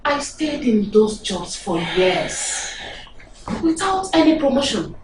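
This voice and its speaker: A woman's voice: on the high side, big pitch swings, takes it slowly, noisy background. An actress with a Nigerian accent playing a bitter, indignant woman married into royalty, complaining she was passed over. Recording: echoey room, distant mic.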